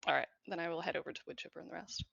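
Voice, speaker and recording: A woman's voice: on the low side, racing, vocal fry, a bit bright, husky, no room sound, dull audio. A woman chatting casually as a tabletop game player, informal and decisive about her moves.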